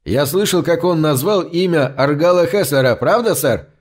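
A man's voice: on the high side, animated, normal speed, voice pushed up. A man voicing an anxious, scheming man who wheedles and pleads, in an audiobook reading. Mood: pleading.

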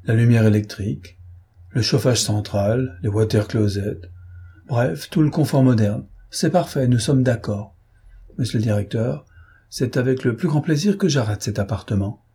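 A man voicing a sly, cocky gentleman thief who teases his captors in an ironic, lively tone, in a read-aloud novel. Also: medium pitch, moderate pace, husky. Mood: mocking.

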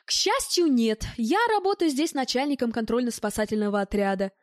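A calm, wry male rescue chief, as a woman reader puts him on answering jabs with dry irony. The voice stays high for a man. Close, dry sound. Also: brisk, dry recording, lightly acted. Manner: dry, ironic. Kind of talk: audiobook reading.

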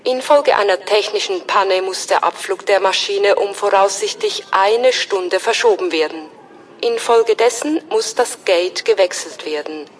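A woman playing a polite airport announcer in a scripted language-exam recording, with clear, measured delivery. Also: mid-range voice, a little hiss or hum, lightly acted. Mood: announcing.

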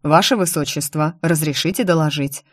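A woman's voice: sits low, normal speed, no room sound, clean studio sound. A woman reading the part of a soldierly viscount who delivers a formal report in an audiobook.

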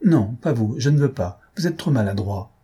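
A man's voice: medium pitch, expressive, moderate pace, mellow, breathy edge. A man voicing a flighty, fussy young woman, a marquise, in a capricious, petulant tone.

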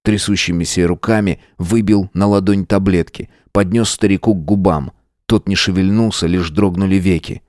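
A man reading a novel aloud as an audiobook narrator, with an expressive delivery. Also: sits low, moderate pace, no room sound, studio quality. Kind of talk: scripted narration.

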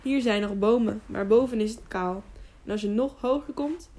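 A man's voice: high voice, normal speed, mellow. A woman reading the part of a cheerful, tireless young mountain guide in a storybook audiobook, with an easygoing, upbeat manner.

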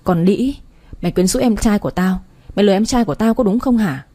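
Woman reading harsh older sister, scolding, sharp, mellow tone, husky. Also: mid-range voice, fast talker, close to an everyday voice. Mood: angry. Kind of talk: storybook reading.

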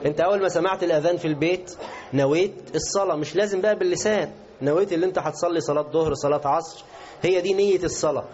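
A man's voice: a little high, very fast, a little mellow, slight background noise. A man with an Egyptian Arabic accent teaching a religious lesson, asking his class questions as he explains. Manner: interactive, asks the class questions. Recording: dull lo-fi recording.

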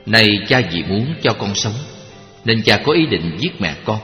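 A man reciting a Buddhist scripture story in a measured, solemn storytelling manner. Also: fairly low pitch, very animated, highs cut off. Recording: echoey hall with faint music.

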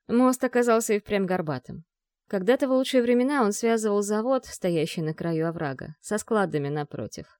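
A woman narrates a novel in a measured, expressive way with a mid-range voice. The recording is close and dry, with no room sound. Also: mid-range voice, no room sound. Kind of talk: audiobook narration.

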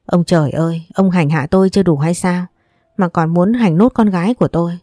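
A woman voicing a distraught mother, hoarse from crying, who pleads in anguish. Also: lowish voice, fairly quick, dark tone, no room sound, clean studio sound, natural voice. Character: distraught mother, tearful and frantic.

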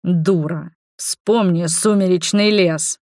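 A woman's voice: lowish voice, takes it slowly, darkish tone, no echo, studio quality. A woman voicing a passionate young man who insists on his love in a storybook reading. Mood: insistent pleading.

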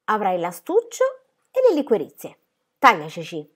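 A woman's voice: on the low side, wildly swooping pitch, moderate pace, slightly rough, full character voice. A woman reading an audiobook, voicing a strict, proper middle-aged mother who scolds politely. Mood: reproving. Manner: reproving, polite.

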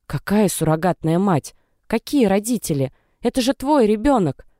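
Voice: mid-range voice, lively intonation, normal speed, warm tone, no echo, studio quality, pitched above the performer's own voice, close to an everyday voice. Narrator voicing a sensible young woman friend. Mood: bewildered. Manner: earnest, reasoning, reproachful. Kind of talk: audiobook character reading.

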